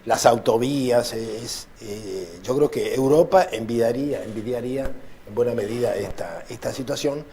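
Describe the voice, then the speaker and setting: A man interviewed as a political commentator, speaking in a measured, reflective way with hesitations and repeated words. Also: mid-range voice, dark tone, slight background noise.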